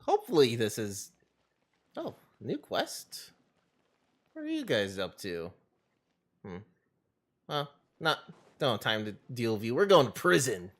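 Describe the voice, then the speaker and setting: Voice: mid-range voice, huge pitch swings, measured pace, long pauses. A game live streamer chatting casually in a bubbly, cutesy, playful way. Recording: faint music behind. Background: faint game music.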